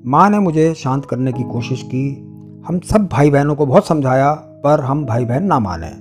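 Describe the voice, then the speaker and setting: A man's voice: medium pitch, lively intonation, normal speed, darkish tone. Man narrating a story over guitar. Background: faint guitar music.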